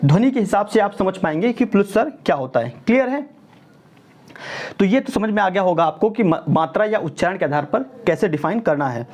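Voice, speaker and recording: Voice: medium pitch, expressive, brisk, a little mellow. Teacher drawing out vowel sounds. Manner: keeps checking in with "ठीक है" and "clear है?"; mixes English words into explanations. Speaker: Hindi grammar teacher. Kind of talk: exam-prep lesson.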